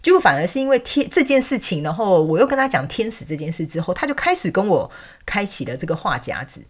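A woman, a counselor and angel card reader, telling a story in a chatty, animated way to her viewers, full of fillers and asides. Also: medium pitch, fast talker. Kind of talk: casual storytelling monologue.

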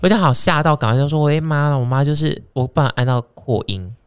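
A man in his thirties from Taiwan, hosting a casual chat podcast and telling stories in an animated way. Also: medium pitch, clear, resonant tone. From Kaohsiung, Taiwan. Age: 30s. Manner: animated, quick storyteller. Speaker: podcast host.

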